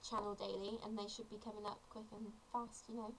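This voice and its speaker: A woman's voice: mid-range voice, little pitch movement, a little fast, slight background noise, low-quality recording. A seventeen-year-old woman, chatty and earnest, explaining a topic in a casual tutorial vlog. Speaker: vlogger.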